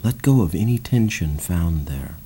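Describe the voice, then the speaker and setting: A man guiding a slow, calm breathing and body relaxation exercise in a soothing voice. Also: sits low, a little hiss or hum. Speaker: meditation guide. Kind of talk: guided relaxation narration.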